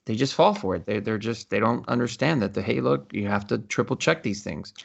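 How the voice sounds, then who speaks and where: A man hosting a casual podcast, telling stories in an animated, profane way. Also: lowish voice, a little fast, gravelly, dull audio. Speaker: podcast host.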